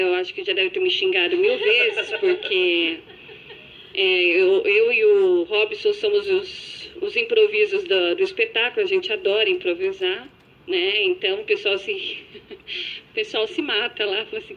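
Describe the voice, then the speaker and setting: A woman actress telling anecdotes about forgetting her lines on stage, speaking in an animated storytelling way. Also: mid-range voice. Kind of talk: interview guest chat. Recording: dull radio audio.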